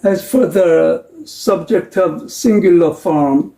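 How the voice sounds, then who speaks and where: Man, lesson narration, slow and deliberate, pausing often, fairly high voice, roomy echo. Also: creaky, mellow.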